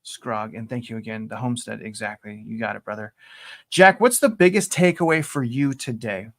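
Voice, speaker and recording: A man hosting a casual live stream, teasing viewers and giving them shout-outs. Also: medium pitch, moderate pace. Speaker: host.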